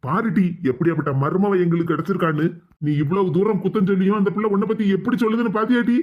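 A performer voicing a gruff, hot-tempered father-in-law in a cartoon, scolding in a Tirunelveli Tamil accent. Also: medium pitch, fairly even intonation, fast talker, close to an everyday voice. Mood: angry. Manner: scolding, shouting orders. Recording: dull lo-fi sound.

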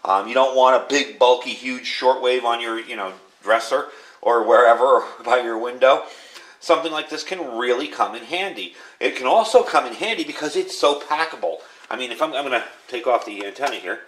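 This is a brisk, somewhat bright mid-range male voice belonging to a radio reviewer. Working hands-on at a workbench inside, he reviews a product in an easygoing, unscripted way. Room ambience and background noise are clearly present.

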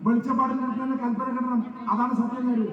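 A man's voice: very high voice, level tone, quick pace. A man acting in a comic folk play as a fussy villager who declaims repetitive grievances to an oracle. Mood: pleading. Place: live folk stage performance. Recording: echoey distant PA, dull sound.

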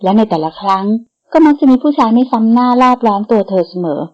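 A woman's voice: fairly high pitch, expressive, fast talker, highs cut off, natural voice. Smug young playboy, as a woman reads him. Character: young playboy grandson, cocky and defensive.

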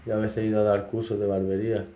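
A man in his twenties, a barber, chatting casually while shaving a client in his small shop, in short relaxed phrases. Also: fairly low pitch, very fast, dull audio. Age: 20s. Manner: relaxed, modest, talks in short trailing phrases. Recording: roomy shop echo, faint noise.

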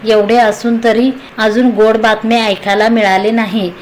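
Woman narrator voicing a nagging old grandmother, storybook reading, light high voice. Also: level tone, a little slow, slight background noise, lightly acted, low-quality recording. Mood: scolding. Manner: nagging, teasing.

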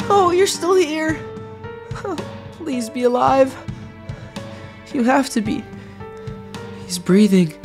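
An earnest young boy voiced by a woman for a comic dub. He sounds anxious yet brave, a little hesitant, with a highly animated pitch and faint music behind him. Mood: worried.

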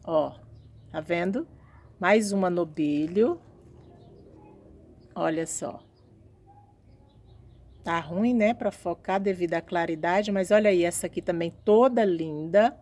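A woman's voice: lowish voice, slow, pauses often, a little mellow. A woman giving a casual walking tour of her home orchid house, chatting admiringly as she shows her plants to viewers. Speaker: orchid grower vlogger.

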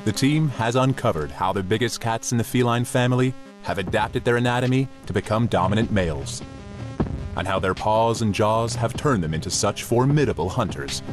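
A man's voice: lowish voice, moderate pace, music in the background. A man reading scripted nature documentary narration.

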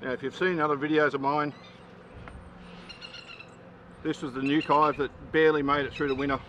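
This backyard beekeeper speaks at normal speed in a voice on the high side, relaxed and full of ums as he works the hives for his outdoor vlog. The camera sound is a bit dull with faint noise, and someone's lawnmower hums next door.

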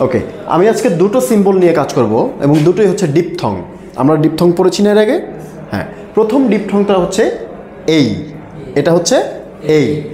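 High, lively Bangladeshi teacher in an echoey classroom. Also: male voice. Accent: Bangladeshi Bengali. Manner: quizzing, has the class repeat words after him. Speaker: English pronunciation teacher. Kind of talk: live classroom lesson. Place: classroom with students.

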